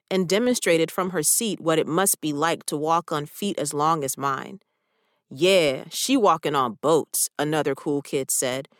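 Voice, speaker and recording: A woman's voice: lowish voice, no echo, clean studio sound. A woman reading her own personal essay aloud, with reflective, wry storytelling.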